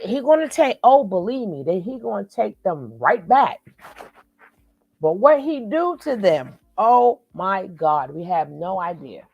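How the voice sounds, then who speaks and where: Slow, emphatic woman giving commentary. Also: mid-range voice, gravelly, darkish tone, breathy edge, no room sound, dull audio. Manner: emphatic, preachy, repeats phrases for effect. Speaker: commentary host. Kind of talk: live reaction commentary.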